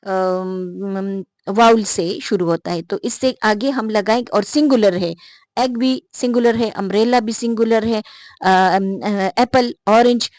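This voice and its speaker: A woman teaching English grammar who keeps asking and answering her own questions and reads example sentences slowly. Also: medium pitch, steady tone, darkish tone, no room sound. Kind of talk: explanatory grammar lesson.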